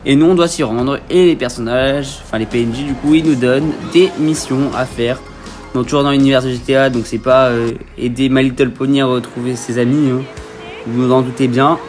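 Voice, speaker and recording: A man's voice: mid-range voice, fairly even intonation, a little fast, a little mellow, faint music behind. A young man giving casual, joking gameplay commentary with street slang and talking straight to his viewers. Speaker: gaming video creator. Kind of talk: let's play gameplay commentary.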